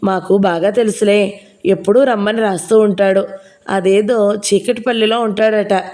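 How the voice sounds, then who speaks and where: A woman's voice: mid-range voice, steady tone, moderate pace, dark tone, natural voice. A woman playing a nosy older village gossip. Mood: prying. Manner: prying, scolding, gossipy. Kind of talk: audiobook character reading.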